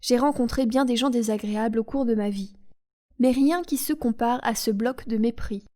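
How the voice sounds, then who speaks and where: A woman reading a novel aloud in a calm, soothing audiobook narration. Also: fairly high pitch, normal speed. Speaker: audiobook reader.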